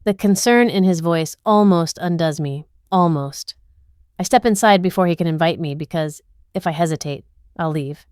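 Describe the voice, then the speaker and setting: A woman telling a dramatic first-person story in scripted narration, tense, intimate and measured. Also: on the low side, darkish tone, smooth, no room sound, clean studio sound.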